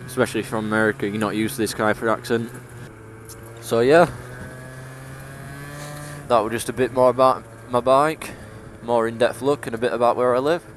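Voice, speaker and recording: A young man in his late teens from England, speaking broad Yorkshire, vlogs casually while riding his scooter outdoors, chatty and relaxed with an occasional laugh. His mid-range voice has fairly even intonation and a moderate pace, backed by faint engine and traffic noise.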